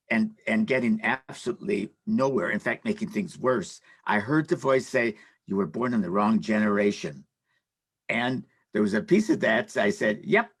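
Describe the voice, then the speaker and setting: Older man with a gravelly, hesitant voice. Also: lowish voice, fairly bright tone, no room sound. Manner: hesitant, many fillers and restarts. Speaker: panelist. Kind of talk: casual panel talk.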